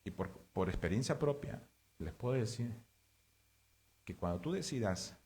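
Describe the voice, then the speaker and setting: A man preaching a sermon, moving between loud emphatic passages and hushed confessional storytelling. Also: fairly low pitch, animated, a little slow. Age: adult father of three.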